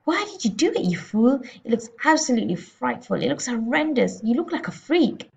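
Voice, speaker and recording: A woman voicing a shrill, exasperated middle-aged mother who scolds and shrieks in a storybook. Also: lively intonation, brisk, creaky, mellow, dull audio. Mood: horrified.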